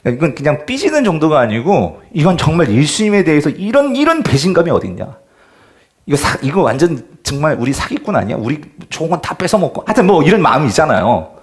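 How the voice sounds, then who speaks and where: Male pastor, revival sermon, lively slightly high voice, quizzes the pews, loud-to-hushed swings. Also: a little fast. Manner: keeps asking the congregation questions; swings between loud emphasis and near-whispers. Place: church sanctuary.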